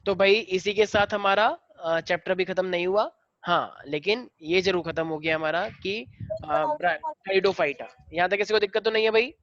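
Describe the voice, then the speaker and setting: A man's voice: high voice, normal speed, a bit bright, dry recording, dull audio. A male biology teacher lecturing a classroom in a chatty way, often quizzing his students.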